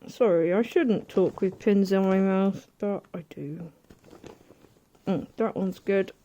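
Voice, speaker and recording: A woman giving a casual hands-on sewing demonstration, chatty and thinking aloud as she pins fabric, with soft asides. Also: medium pitch, slow pace, dull audio. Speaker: quilting tutor.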